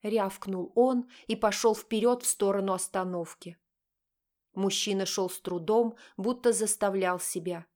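A woman narrating an audiobook in a measured, even storytelling manner. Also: mid-range voice.

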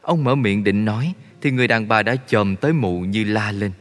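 Narrator: man, low and measured, reverberant sound. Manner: steady, measured storytelling. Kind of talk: audiobook story narration. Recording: long reverb.

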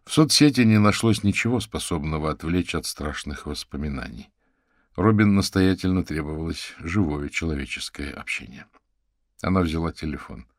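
A man narrating an audiobook in a measured, dramatic storytelling manner. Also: extremely low pitch, no room sound, clean studio sound. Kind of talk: scripted narration.

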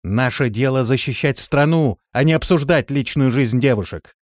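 A man's voice: mid-range voice, lively intonation, normal speed, a little mellow, dry recording, clean studio sound, pitched above the performer's own voice, lightly acted. A man voicing a proud, commanding female elf warrior in an audiobook, speaking sharply. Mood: fierce. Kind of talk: audiobook character voice.

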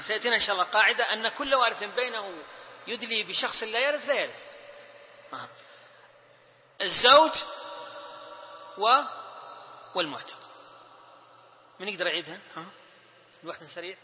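A man's voice: high voice, expressive, normal speed, pauses often. A man teaching a classroom lesson, drilling lists and prompting students with short questions. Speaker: teacher of Islamic inheritance law. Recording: reverberant room, dull lo-fi sound.

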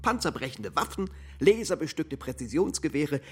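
A man's voice: a little high, big pitch swings, normal speed, husky. An actor playing a man who briefs the group on a secret strike force in a radio crime play and turns sharply suspicious. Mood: matter-of-fact. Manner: matter-of-fact, then sharply suspicious. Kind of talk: radio drama acting.

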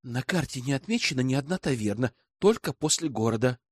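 A calm young woman behind the wheel answers in an even, measured way, as a man reads her lines. Her voice stays close to a plain reading voice. The recording is dry. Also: mid-range voice, slightly rough, no echo.

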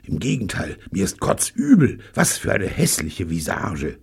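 A man's voice: low-pitched, huge pitch swings, unhurried, creaky, slightly rough, heavily acted. A man reading aloud, voicing a grumpy, sarcastic young pupil.

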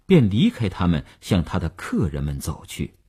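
Male audiobook narrator: very low, husky voice, expressive reading. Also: moderate pace. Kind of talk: scripted narration.

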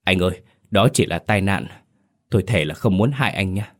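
A man's voice: low-pitched, moderate pace. Man voicing an apologetic driver. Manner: apologetic, earnest. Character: apologetic male motorbike driver.

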